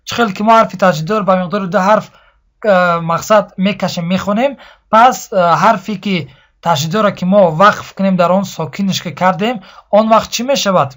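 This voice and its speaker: High-voiced Tajik Persian teacher explaining. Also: male voice, fairly bright tone. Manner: explains slowly, repeats example words and asks the class questions. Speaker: Quran recitation teacher. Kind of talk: classroom lesson on tajweed pausing rules.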